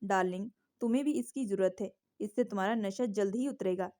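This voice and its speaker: A woman voicing a possessive, commanding young man who speaks low and teasingly to his partner. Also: brisk, warm tone, close to an everyday voice. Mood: tender.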